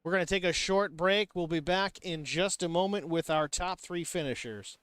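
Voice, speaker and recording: A man calling a sim truck race as booth commentator, energetic and excitable in his play-by-play. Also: sits high, normal speed, smooth. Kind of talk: sim racing broadcast commentary.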